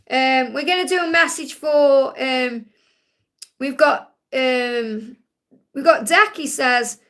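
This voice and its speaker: A woman's voice: high voice, gravelly, bright, forceful tone. A woman from Stoke with a Stoke accent, giving live spiritual readings to viewers in a reassuring way and often checking in with a short tag question. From Stoke, England. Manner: reassuring, repeatedly checking with "okay?". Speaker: psychic card reader hosting a live Q&A.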